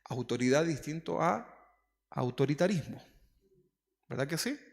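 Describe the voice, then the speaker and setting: A slightly high-voiced man from Chile, with lively intonation and some vocal fry, preaches a little slowly as pastor. He chats with the congregation in a relaxed way, often questioning them, while the church hall lends a long reverb to the recording.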